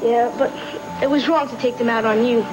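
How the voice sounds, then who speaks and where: A young actor playing an upset, worried son in a soap opera. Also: male voice, extremely high pitch, fairly even intonation, brisk, background noise. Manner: earnest, upset. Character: angry, worried teenage son.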